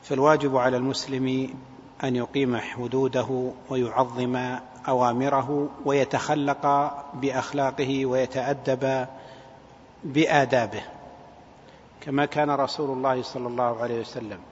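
A man giving a religious lecture in a measured, hesitant way, often repeating his phrases. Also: medium pitch, level tone. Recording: dull, echoing hall, faint noise.

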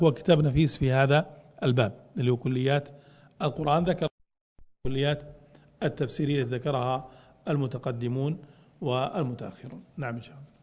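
رجل يشرح نصًا في درس، ويطرح أسئلة ثم يجيب عنها بنفسه. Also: male voice, a little high, a little mellow, in a large hall. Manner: explains with questions he answers himself. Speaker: teacher explaining a classical text. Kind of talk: lecture.

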